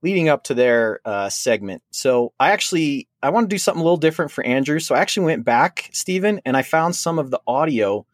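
Chatty fantasy football podcast host. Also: male voice, fairly high pitch, expressive, fast, few pauses, no echo, studio quality. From Minnesota. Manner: chatty, rambling with restarts. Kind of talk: casual sports podcast chat.

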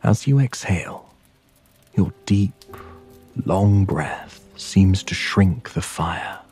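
A man narrating a sleep story in a hushed, soothing, breathy voice that often slips into a whisper, guiding the listener to relax. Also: low-pitched, animated, slow, soft background music. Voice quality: breathy, husky.

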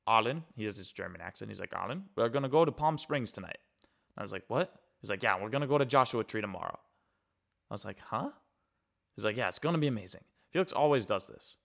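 Gravelly young man with a bright edge. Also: fairly low pitch. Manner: loose, reflective, many fillers and restarts. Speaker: podcast host. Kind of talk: casual motivational monologue.

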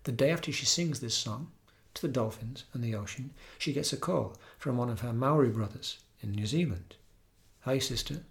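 A man teaching about kirtan, telling stories in an earnest, gentle way with frequent pauses and restarts. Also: medium pitch, creaky. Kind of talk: reflective storytelling talk.

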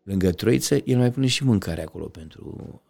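A middle-aged man talking as an interview guest, passionate, swinging from loud outbursts to quiet reflection. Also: on the low side, expressive, creaky, faint music behind. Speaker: podcast guest. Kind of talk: conversational interview.

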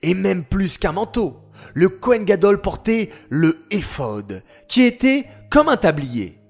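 A man voicing a patient, knowing boy who explains things slowly in a children's story. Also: sits high, very animated, vocal fry, darkish tone, breathy edge, soft background music, exaggerated voice. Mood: patient, warm.

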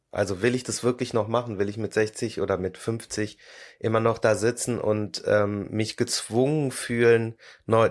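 A man talking as a podcast guest in a relaxed, thoughtful way, pausing often with filler sounds. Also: on the low side. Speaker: guest, 3D illustrator. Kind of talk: casual podcast conversation.

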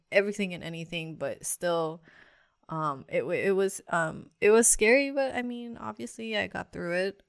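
A woman's voice: on the low side, dry recording, clean studio sound. A young woman hosting her own parenting podcast, chatting candidly with lots of fillers and little laughs. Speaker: podcast host. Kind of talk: casual solo podcast talk.

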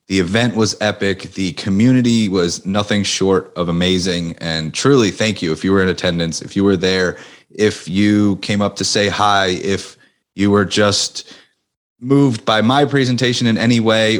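A man hosting a podcast in an energetic, motivational way, still recovering from losing his voice. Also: fairly low pitch, normal speed. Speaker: podcast host. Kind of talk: casual podcast monologue.

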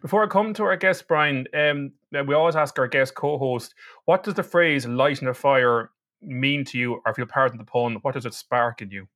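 A man's voice: mid-range voice, normal speed, a bit bright. Irish man hosting a podcast. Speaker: podcast host.

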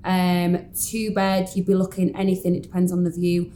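Yorkshire woman agent, lowish flat voice, friendly podcast chat with ums. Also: moderate pace, a little hiss or hum. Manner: friendly, talks through prices with filler ums. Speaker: real estate agent.

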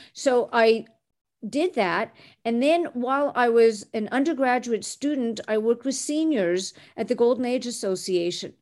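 A fairly high, slightly mellow voice belongs to a woman in her sixties from Canada. A recruiter by profession, she answers interview questions about her career articulately and with self-assurance.

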